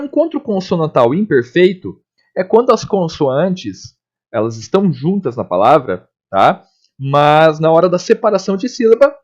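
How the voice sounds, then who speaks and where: A male teacher with a fairly high, animated voice walks through a recorded lesson step by step. He keeps checking in with his listeners and spells out letters slowly. The recording sounds dull and lo-fi.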